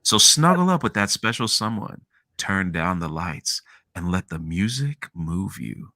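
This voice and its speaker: A smooth late-night radio DJ crooning over love songs, as a man puts him on for a laugh. He talks slowly and low, drawing every word out. The voice sits well below the speaker's own. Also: big pitch swings, sharp tone, no room sound, studio quality, heavily acted. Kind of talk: comic impression.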